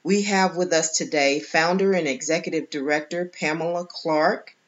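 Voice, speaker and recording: A woman with a lowish voice hosts a round-table podcast. She introduces her guests in a formal, measured way, pausing now and then. The sound is dull and lo-fi. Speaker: host.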